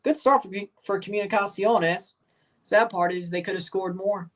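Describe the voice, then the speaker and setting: A man's voice: high voice, steady tone, normal speed, fairly bright tone. A man with an American accent hosting a livestream watchalong, chatting informally and rambling in short, casual bursts. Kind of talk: casual livestream chat with match commentary. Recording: voice some distance from the mic.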